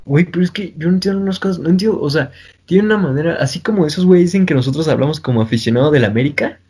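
A man's voice: a little high, very fast, a little mellow, slightly rough. A young man from Mexico City talking in a casual, slangy, joking way as a podcast co-host. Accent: Mexico City Spanish. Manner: slangy, joking, imitates northern speech. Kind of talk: casual chat.

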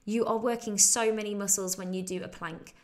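A fitness instructor talking from under a table on the floor while holding a plank, chatty and self-mocking. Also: female voice, medium pitch, fairly even intonation, brisk. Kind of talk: live online exercise class.

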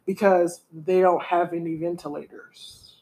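A podcast co-host talks from home in a dark-toned, fairly low voice with little pitch movement, keeping an unhurried pace. Still, she's casual, animated and opinionated, saying "y'all" a lot.

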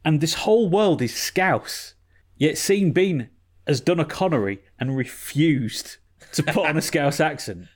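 Wry British man, slightly high voice. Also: expressive, unhurried. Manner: chatty, wry, sweary storyteller. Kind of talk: casual chat.

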